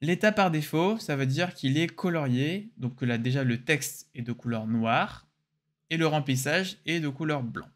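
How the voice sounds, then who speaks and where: Upbeat French tutorial man, slightly high. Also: lively intonation, moderate pace. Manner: casual, joking, enthusiastic explainer. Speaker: software tutorial host. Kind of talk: screen-recorded software tutorial.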